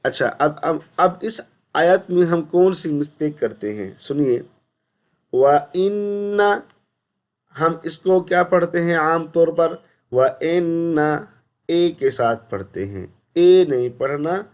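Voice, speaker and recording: A man teaching Quran pronunciation, asking and answering his own questions and reciting verses slowly and drawn out. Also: fairly high pitch, expressive. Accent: Pakistani. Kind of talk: recitation lesson.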